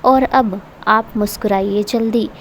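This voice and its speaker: A woman voicing an angry young husband who is also a protective uncle, read in a stern, forceful way. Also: medium pitch, fairly even intonation, unhurried, a little hiss or hum, natural voice. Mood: tender.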